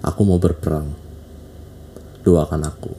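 An earnest young soldier saying a solemn, heartfelt goodbye, voiced by a man retelling the scene. The voice sits low and very dark and mellow. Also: fairly even intonation, measured pace, slight background noise. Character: earnest young male soldier parting from wife.

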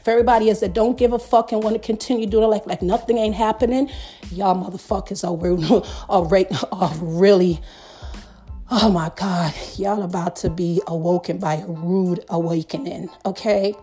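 A woman's voice: medium pitch, steady tone, moderate pace, mellow, breathy edge, faint music behind. A middle-aged woman hosting a podcast, ranting emphatically in profane street slang. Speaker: podcast host.

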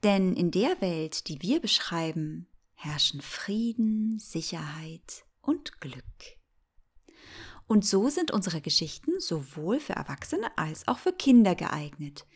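A woman reads a scripted sleep story. Her voice sits slightly low, and she takes her time over every phrase. The delivery is gentle, calm and soothing, meant for bedtime listening. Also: slow pace, slightly rough.

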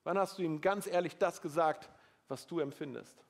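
A man preaching a sermon, passionate, moving between quiet intensity and loud emotional appeals. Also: on the high side, moderate pace. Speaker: pastor.

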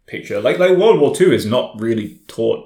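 A man's voice: mid-range voice, animated, normal speed, a little mellow. A man hosting a casual history discussion, thinking aloud as he goes. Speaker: podcast host. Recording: echoey room.

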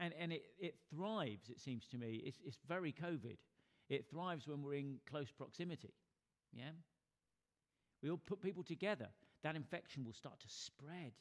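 Guy preaching a sunday sermon, a bit high-voiced, earnest, keeps asking the room questions. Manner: earnest, rising emphasis on key phrases, asks the congregation rhetorical questions. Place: church service.

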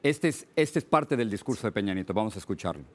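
A man's voice: on the low side, expressive, fast talker. Man hosting a talk interview. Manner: direct, conversational questioning. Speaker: interview host. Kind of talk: interview questions.

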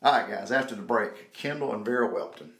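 A man's voice: lowish voice, brisk, gravelly, fairly bright tone. Male podcast host in an echoey room. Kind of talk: casual podcast introduction and chat. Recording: roomy echo, faint music behind.

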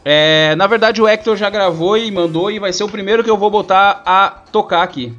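A man's voice: high voice, a little fast, fairly bright tone. A man with a southern Brazilian accent casually hosting a football talk show. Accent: southern Brazilian, Rio Grande do Sul. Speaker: host. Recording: dull lo-fi sound, music behind.

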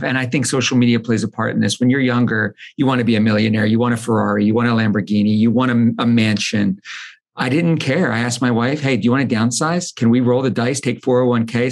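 A man in his forties, a company founder telling his story as a guest in a casual conversation, earnest and often repeating words as he starts a sentence. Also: medium pitch. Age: 40s.

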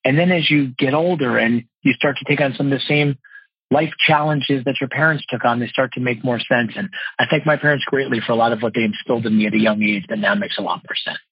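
A man's voice: mid-range voice, breathy edge, dry recording. A man in his forties from New Jersey, telling his life story earnestly as a podcast interview guest. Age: 40s. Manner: earnest, fast-talking, expressive storyteller. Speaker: guest, financial wholesaler and speaker. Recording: dull lo-fi dry podcast audio.

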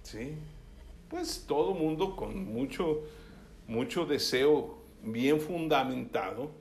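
Man preaching a sermon, high voice, slow and deliberate, checks in with his listeners. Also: big pitch swings, darkish tone, slight background noise. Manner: keeps asking the listeners "¿sí?"; reads scripture aloud with emphasis.

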